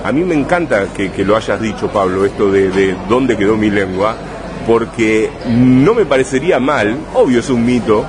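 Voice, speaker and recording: A lowish, expressive male voice with a Rosario Argentine accent belongs to a writer from Rosario being interviewed. He speaks thoughtfully and haltingly, restarting sentences and tossing in tag questions, in a relaxed conversational interview. The setting is a busy, noisy bar, with crowd chatter and passing street traffic behind him.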